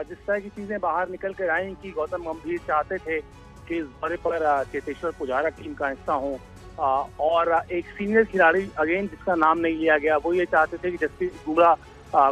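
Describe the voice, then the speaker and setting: A man speaking as a news correspondent in a live analysis, pausing often with drawn-out fillers. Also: fairly high pitch, fairly even intonation, a bit bright, soft background music, rough recording. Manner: hesitant, many drawn-out fillers.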